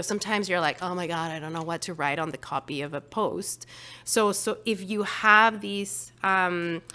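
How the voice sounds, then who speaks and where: Chatty workshop leader, a woman speaking English as a second language; bright, forward voice. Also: mid-range voice, smooth. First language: not English. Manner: chatty, uses many fillers and "right?". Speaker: workshop facilitator. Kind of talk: casual workshop teaching.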